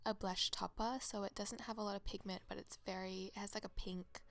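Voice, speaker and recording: A young woman with a cold does an eager, gossipy voice-over for a makeup tutorial, full of product recommendations from her perspective as a makeup artist. Her medium-pitched voice is slightly crackly with vocal fry, barely moves in pitch, and runs fairly quick.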